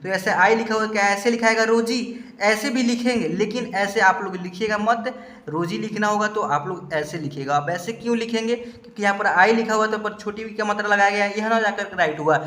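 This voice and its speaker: A man teaching students to read English spellings, spelling each word out slowly and asking if they understood. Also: high voice, bright, forceful tone. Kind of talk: explaining a lesson to students. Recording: echoey room.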